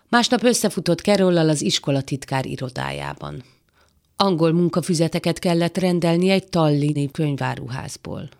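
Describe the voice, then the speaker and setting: A woman reading a literary novel aloud as an audiobook narrator, in a calm, measured way. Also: sits low, gravelly.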